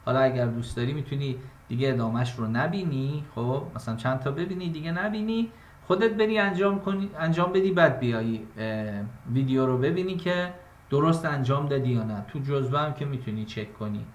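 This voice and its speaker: Man teaching meter in an echoey room. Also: medium pitch. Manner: explains step by step, recites verses slowly in a chant; addresses students directly and casually. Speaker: exam-prep literature teacher. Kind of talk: online exam-prep class on poetic meter.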